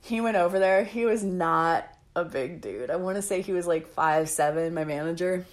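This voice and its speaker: A young woman co-hosting a podcast, telling a restaurant story in casual chat, animated and swearing freely. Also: fairly low pitch, moderate pace. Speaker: podcast co-host.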